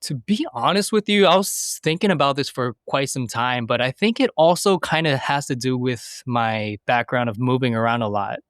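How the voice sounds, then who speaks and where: Guesting on a podcast, an American man in his thirties responds thoughtfully in a conversational interview, though fillers and restarts come often. His mid-range voice is expressive and fairly bright, moving at a moderate pace with few pauses, in clean studio sound without room echo.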